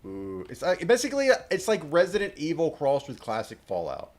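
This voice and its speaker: A man's voice: a little high, wildly swooping pitch, a little fast. A man hosting a let's play, giving rambling, chatty gameplay commentary with lots of filler words.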